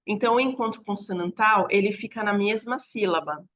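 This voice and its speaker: Bright-voiced woman teaching slowly. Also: medium pitch, dull audio. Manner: patient, explains slowly with drawn-out examples. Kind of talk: online lesson on phonics. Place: home apartment with dogs barking nearby.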